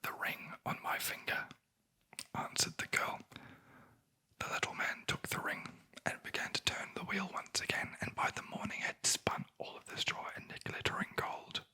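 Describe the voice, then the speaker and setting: A sleep story narrator whispering a fairy tale in a breathy ASMR voice, with dry, wry asides. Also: moderate pace, low-quality recording. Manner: wry, deadpan commenting on the story.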